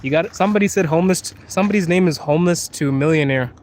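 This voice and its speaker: Racing along in a slightly high, somewhat mellow voice, a young Zimbabwean man streams live from the phone in his hand while walking a damp street at night. Easygoing, he reads comments, laughs often, and teases his viewers.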